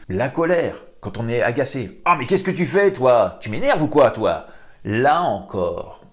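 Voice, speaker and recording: A man who works as a vocal coach, giving an animated lesson to camera and putting questions to the viewer. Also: fairly low pitch. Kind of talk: teaching video to camera.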